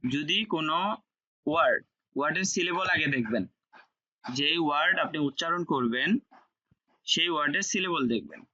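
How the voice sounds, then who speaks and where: A man with a very bright, fairly high voice teaches an online class. He explains step by step, repeating key words and checking understanding. The sound is dull and lo-fi. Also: normal speed, pauses often. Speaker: French teacher.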